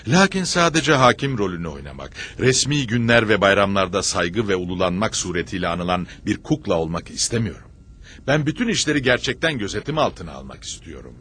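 An actor playing an imperious prince in a historical drama, speaking in a stern, formal, commanding manner. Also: male voice, fairly low pitch, very animated, a little fast, fairly bright tone, slight background noise. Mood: commanding, resolute. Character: imperious young prince asserting his own authority.

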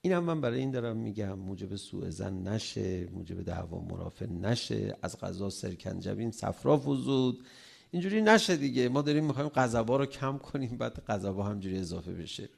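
A middle-aged cleric giving a sermon on marriage, animated, acting out household quarrels in a raised voice. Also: male voice, fairly low pitch, creaky, slightly rough.

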